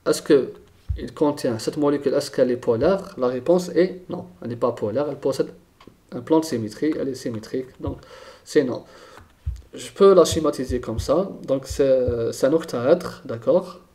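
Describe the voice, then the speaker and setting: A man's voice: mid-range voice, normal speed, mellow. A man teaching a chemistry lesson, thinking aloud and repeating key terms, often checking with "d'accord?".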